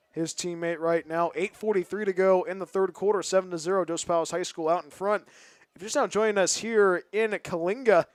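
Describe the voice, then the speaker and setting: A man with a Californian accent calling a high school football game as play-by-play announcer, chatty and excitable. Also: no room sound, clean studio sound. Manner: fast, chatty, excitable call. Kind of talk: play-by-play commentary.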